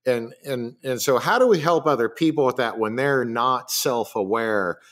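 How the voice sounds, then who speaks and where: A man in a casual podcast talk who explains carefully and sometimes restarts a sentence as he goes. His voice sits in an average male range. The tone is even and reflective. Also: medium pitch, normal speed. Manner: thoughtful, explains step by step with restarts.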